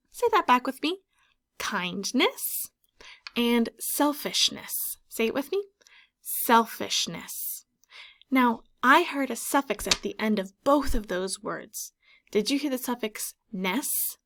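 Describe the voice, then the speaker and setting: A woman with a fairly high voice and a fairly bright tone guides young children through a picture-book read-aloud. Speaking like a teacher, she is expressive and instructive, drawing out key words and pausing after her questions so listeners can think.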